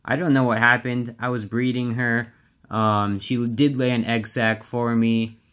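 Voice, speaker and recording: A young man casually narrating as he feeds his exotic pets, relaxed and chatty with lots of fillers. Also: medium pitch, a little slow, clean tone. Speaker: pet keeper and channel host.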